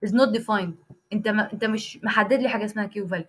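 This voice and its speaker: Egyptian woman teaching python online, talks super fast, keeps checking if ppl got it, fixes herself midsentence. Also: mid-range voice, fairly bright tone, slightly rough. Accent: Egyptian Arabic. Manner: explains step by step, checks in with students often; frequent restarts and self-corrections while typing code. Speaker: programming instructor. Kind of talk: live online coding lesson.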